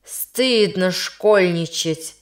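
A woman voicing an exasperated, angry male schoolteacher who shouts and scolds. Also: mid-range voice, expressive, a little slow, lightly acted. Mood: stern. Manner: shouting, then bitter and stern.

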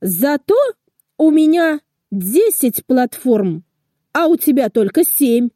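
A woman voicing a touchy, competitive railway station in a children's storybook, pitched up and dismissive. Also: animated, slow pace, warm tone, no room sound, studio quality, exaggerated voice. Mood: huffy.

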